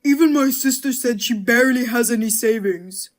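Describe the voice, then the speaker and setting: An idle, touchy husband, voiced by a woman with a somewhat high voice. He answers in a defensive, snapping way. This is a narrated storybook drama. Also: normal speed, lightly acted. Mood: irritated.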